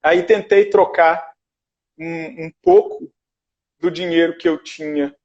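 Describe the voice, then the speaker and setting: A man with a rather high voice telling a travel story in a relaxed, animated way, acting out the people he met. The sound is muffled and lo-fi, like a video call. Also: slow, creaky. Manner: animated storyteller, acts out dialogue. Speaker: guest. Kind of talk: casual storytelling. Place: his shared house.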